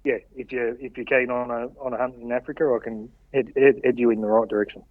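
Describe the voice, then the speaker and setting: A man's voice: medium pitch, level tone, fast, no room sound. A man chatting casually as a podcast guest, laid-back and colloquial with brief answers. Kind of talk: casual interview chat. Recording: slightly dull, dry radio-like audio.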